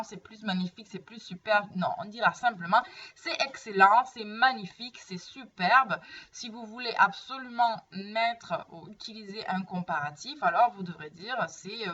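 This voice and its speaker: Unhurried woman teacher, distant dull recording. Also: mid-range voice, sharp tone. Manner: slow, patient explaining, often checking "d'accord?". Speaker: French teacher. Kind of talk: grammar lesson.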